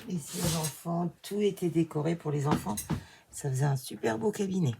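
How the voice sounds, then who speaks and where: A woman's voice: on the low side, moderate pace, creaky, background noise. A woman with a slight lisp, slushy on her s sounds, chatting casually and rambling to herself as she does crafts. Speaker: craft vlogger filming herself. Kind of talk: casual chat while crafting.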